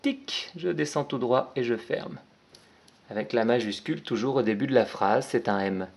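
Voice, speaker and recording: A man's voice: medium pitch, moderate pace, vocal fry. A man teaching young children to write, spelling out each letter and stroke step by step in a patient, careful way. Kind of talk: handwriting lesson for young children.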